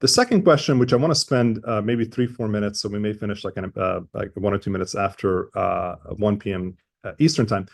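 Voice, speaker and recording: A man's voice: lowish voice, brisk, creaky. A man with an Eastern European accent presenting an informal explanatory webinar, speaking hesitantly and often checking in with "right?".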